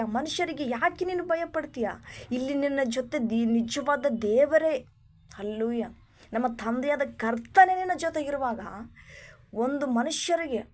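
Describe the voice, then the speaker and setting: High-voiced woman preaching earnestly. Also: darkish tone. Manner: earnest, repeats hallelujah and addresses listeners as beloved; asks the listener repeated rhetorical questions. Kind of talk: sermon.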